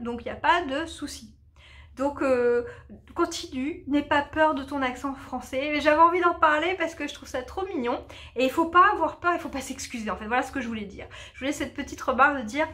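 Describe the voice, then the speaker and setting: Her voice is high, pushed, and bright. She's chatting casually as the host of a knitting podcast, someone who also works as an English teacher, and her talk is peppered with fillers and restarts.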